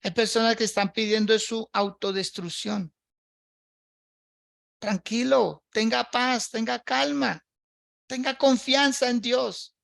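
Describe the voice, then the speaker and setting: Male pastor, very gravelly voice, slow earnest sermon delivery, dry close sound. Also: extremely high pitch, fairly even intonation, a bit bright, no room sound. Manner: slow, earnest preaching with prayer. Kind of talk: sermon in dialogue.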